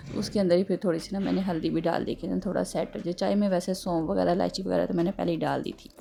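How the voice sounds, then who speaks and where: A woman's voice: fairly low pitch, gravelly, mellow. A woman with a slightly sore throat, rambling homely narration of her kitchen chores with many little fillers. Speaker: home vlogger. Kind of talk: casual chatty home vlog narration. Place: home kitchen.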